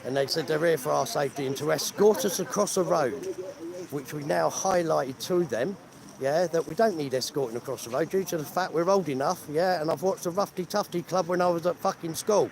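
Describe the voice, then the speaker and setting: A man's voice: a little high, brisk, gravelly. A cold, shivering man, giving blunt, sarcastic, sweary commentary to his phone camera outdoors. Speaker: vlogger filming a remembrance gathering. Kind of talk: casual live commentary to camera. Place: outdoors at a gathering. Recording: outdoor crowd noise behind.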